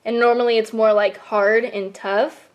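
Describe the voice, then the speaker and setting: A woman's voice: on the high side, little pitch movement, unhurried, dull audio. A young adult woman with an American accent talking casually on a home vlog. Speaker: vlogger and caregiver. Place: room at home.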